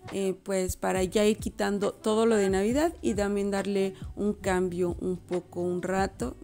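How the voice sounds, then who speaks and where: Woman, 30s, casual vlog voice-over, mid-pitched, soft music underneath. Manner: chatty, self-correcting, addresses viewers as girls. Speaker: home decor vlogger.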